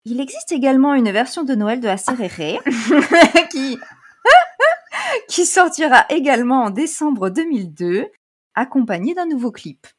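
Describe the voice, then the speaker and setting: A woman's voice: high voice, big pitch swings, measured pace, long pauses. A woman co-hosting a casual podcast chat, talkative and laughing often, with many fillers. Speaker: podcast co-host.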